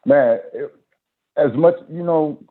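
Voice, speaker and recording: A man talking casually on a group voice chat, earnest and halting, restarting his sentences as he goes. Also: a little high. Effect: heard over a group voice chat line. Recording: tinny phone-like voice chat audio.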